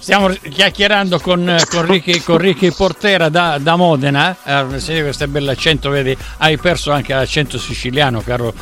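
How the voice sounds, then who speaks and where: A man hosting a conversational interview, speaking informally in halting phrases with repeated words. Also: on the high side, steady tone, music in the background. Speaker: radio interviewer.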